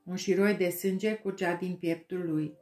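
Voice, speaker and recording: A woman narrating an audiobook with slow, expressive storytelling. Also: fairly low pitch, echoey room. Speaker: audiobook reader.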